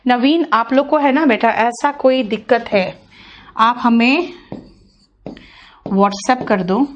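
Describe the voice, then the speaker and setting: A woman's voice: on the high side, slow pace, lo-fi sound. A woman with an Indian accent teaching English pronunciation in an online class, patiently repeating sounds and checking that students follow.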